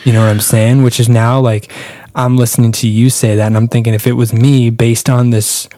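Mellow-voiced man, earnest podcast talk. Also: mid-range voice, little pitch movement, a little fast, no echo. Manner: reflective, earnest, asks probing questions. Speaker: podcast co-host. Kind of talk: casual chat.

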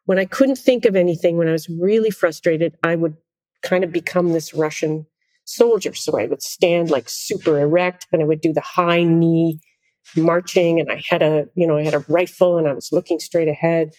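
Lower-pitched woman telling animated anecdotes. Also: normal speed, no room sound. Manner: animated, self-deprecating anecdotes with frequent laughter. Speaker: conductor and podcast guest. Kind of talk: casual interview storytelling.

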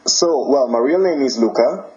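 Young Italian man, mellow, dull call audio. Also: mid-range voice, animated, moderate pace. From Italy. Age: 20s. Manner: friendly, laughs easily, searches for words. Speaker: guest musician. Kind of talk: casual interview.

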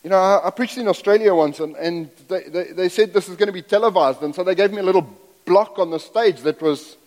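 A man's voice: high-pitched, a little fast, darkish tone. A middle-aged man from Zambia, raised in South Africa, preaching as a guest in a church in a folksy, self-deprecating way, rambling into asides. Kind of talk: sermon. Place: church sanctuary. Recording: long hall reverb.

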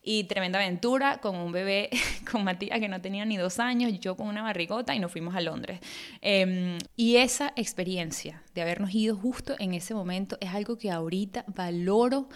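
A woman's voice: mid-range voice, normal speed. A woman in her thirties from Venezuela with a Venezuelan accent, hosting her podcast and telling her own story in a chatty way, with many fillers and restarts. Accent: Venezuelan Spanish. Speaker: podcast host. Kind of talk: casual personal monologue.

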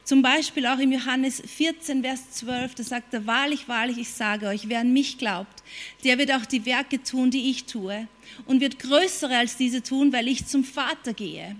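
A woman's voice: high voice, unhurried, fairly bright tone. A woman preaching a sermon, emphatic, repeating her points and putting questions to her listeners. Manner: emphatic, repeats phrases and asks the audience questions.

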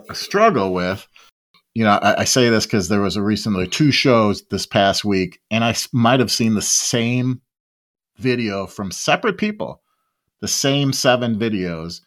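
A man's voice: fairly low pitch, fairly bright tone. A middle-aged man hosting a podcast in casual banter, with a joking, teasing way of talking. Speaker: podcast host.

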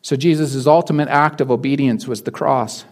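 A man's voice: medium pitch, fairly even intonation, normal speed. A man preaching a sermon as a pastor, in a conversational way with frequent restarts and repeated words.

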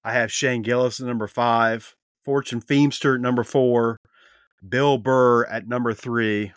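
A man's voice: mid-range voice, steady tone, measured pace, no room sound, studio quality. A man co-hosting a podcast in casual chat, telling stories in a chatty way. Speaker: podcast co-host.

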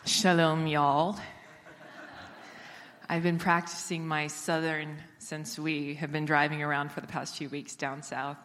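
A woman in her forties from Israel, speaking at a church in a conversational way, slightly hoarse from a cough. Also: low-pitched, fairly bright tone. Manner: conversational, with fillers. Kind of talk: sermon. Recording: church hall with long reverb.

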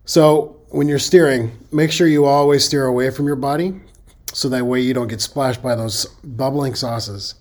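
Man, Midwestern accent, middle-aged, podcast host, folksy, conversational, mid-pitched. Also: steady tone, normal speed, a little mellow. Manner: conversational, folksy, self-correcting. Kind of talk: podcast monologue.

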